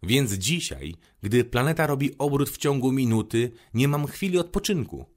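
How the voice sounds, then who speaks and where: A man's voice: mid-range voice, very animated, normal speed, voice pushed up, close to an everyday voice. A man voicing a weary, dutiful lamplighter who sounds resigned.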